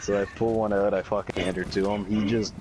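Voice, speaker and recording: A young man telling a rambling party anecdote, swearing constantly and getting loud when he quotes people. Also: lowish voice, fairly quick. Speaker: storyteller. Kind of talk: casual anecdote to camera. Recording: loud steady background noise.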